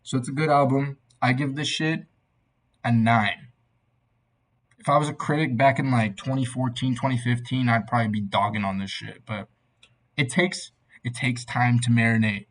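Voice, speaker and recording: A young man with a husky voice talks through music like an amateur reviewer. He sounds tipsy, loose and meandering, with a casual, off-the-cuff delivery at an ordinary male pitch. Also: fairly even intonation, normal speed. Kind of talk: casual rambling album reaction.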